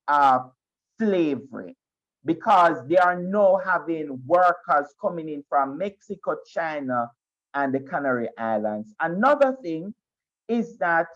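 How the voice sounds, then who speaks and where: A man teaching a history class over a video call. He lectures, often restarting and repeating phrases as he explains. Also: high voice. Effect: video call audio. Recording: dull lo-fi video call sound.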